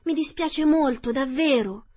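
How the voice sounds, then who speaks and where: A woman reading a storybook aloud, voicing a spirited young girl who shouts and pleads. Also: sits high, a little slow, dry recording, voice pushed up. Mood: frightened.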